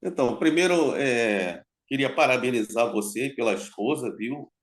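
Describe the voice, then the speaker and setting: A man in a mentoring session, speaking haltingly with many restarts and fillers. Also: mid-range voice, lively intonation. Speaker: mentoring participant. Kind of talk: casual chat.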